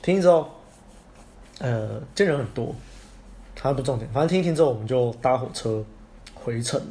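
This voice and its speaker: A man's voice: mid-range voice, lively intonation, mellow. A man with a Taiwanese Mandarin accent, co-hosting a podcast and telling stories in a casual chat, swearing now and then. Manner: fast storytelling, swears casually. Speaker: podcast co-host.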